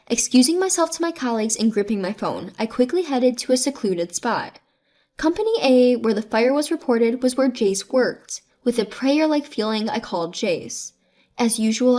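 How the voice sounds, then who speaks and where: Lady reading a story out loud, highish voice, calm even delivery. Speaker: story narrator. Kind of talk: scripted first-person story narration.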